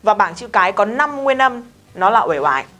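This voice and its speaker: A woman's voice: medium pitch, big pitch swings, moderate pace, a bit bright, faint music behind. A woman, teaching an English lesson in a casual, emphatic way and often asking her students questions. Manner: chatty, emphatic, talks straight to students with questions.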